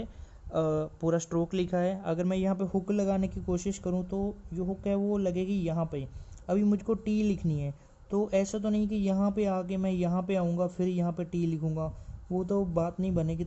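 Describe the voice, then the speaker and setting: A male shorthand teacher giving a classroom explanation, asking and answering his own questions and repeating each rule slowly. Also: sits high, mellow, muffled recording.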